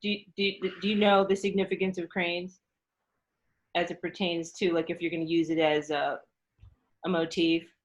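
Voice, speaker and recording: With a lowish voice, level tone and moderate pace, a woman hosts an interactive read-aloud discussion, posing questions to her listeners as she works through a book as a storytime host and teacher.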